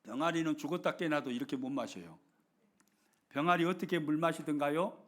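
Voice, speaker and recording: A man's voice: fairly high pitch, brisk. A man preaching a sermon, acting out everyday grumbling in dialect to make his point. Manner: animated preaching, acts out grumbling housewives in dialect. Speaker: pastor. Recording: broadcast church sermon.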